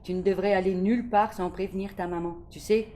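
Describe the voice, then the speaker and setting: A woman reading aloud and voicing a kind middle-aged librarian who speaks softly and reassuringly, sometimes a little stern. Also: mid-range voice, steady tone, fairly quick, a little hiss or hum, natural voice. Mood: gentle. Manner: soft, reassuring, at times gently stern.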